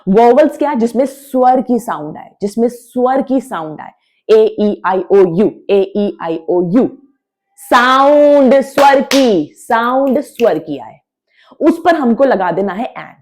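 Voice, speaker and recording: Woman teacher, unhurried delivery, repeats each point firmly, switches between Hindi and English, drills sounds aloud for beginners. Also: fairly high pitch, lively intonation, warm tone. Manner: mixes Hindi with English words. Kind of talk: classroom-style grammar lesson.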